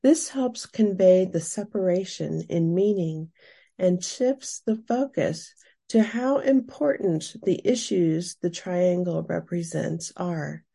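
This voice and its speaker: Female explainer narrator: mellow, breathy, soft, slow and deliberate. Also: lowish voice. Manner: measured, deliberate phrasing.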